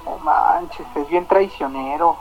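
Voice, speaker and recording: A woman's voice: lowish voice, takes it slowly, creaky, highs cut off, soft background music. Chatty Mexican woman radio host. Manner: chatty, slangy, animated storyteller. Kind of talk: casual storytelling chat.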